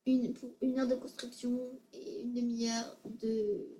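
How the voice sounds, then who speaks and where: A woman's voice: fairly high pitch, level tone, measured pace, mellow. A female gaming video maker giving casual tutorial commentary, hesitant and self-conscious, often stammering and repeating words.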